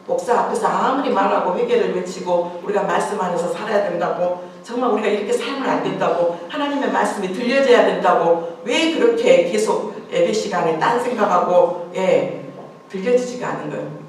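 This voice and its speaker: A woman's voice: mid-range voice, brisk, darkish tone. A woman pastor preaching a sermon in a church, telling a story earnestly with rhetorical questions and repeated phrases. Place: church sanctuary. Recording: very echoey hall, voice from far off, faint hiss.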